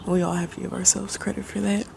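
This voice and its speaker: A woman giving a soft, hushed ASMR pep talk, reflective and halting, drifting at times toward a whisper. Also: medium pitch, flat delivery, creaky, background noise. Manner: halting, pausing mid-sentence. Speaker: ASMR creator.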